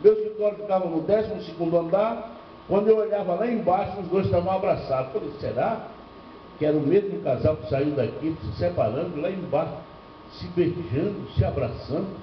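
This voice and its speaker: The same kind of scene: an older pastor from Bahia, northeastern Brazil, preaching briskly in a high voice at a church seminar, using rhetorical questions and humor as he tells stories. It was recorded far off in a church hall, so the sound is echoey and lo-fi with slight hiss or hum.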